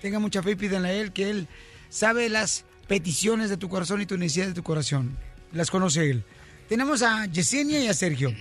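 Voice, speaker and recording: A male radio host, hosting a lively interview in a chummy, teasing way and calling his listeners champions. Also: high-pitched, brisk, soft background music.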